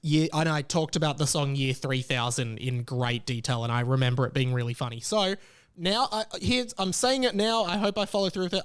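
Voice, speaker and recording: A man with a fairly high, smooth voice hosts a podcast, rambling casually. Fillers pile up, and he repeatedly interrupts and restarts himself.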